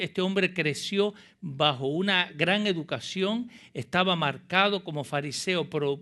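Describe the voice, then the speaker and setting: A male pastor delivers an impassioned sermon in a fairly high, bright and forceful voice. He often puts rhetorical questions to his listeners and reads scripture aloud with rising intensity.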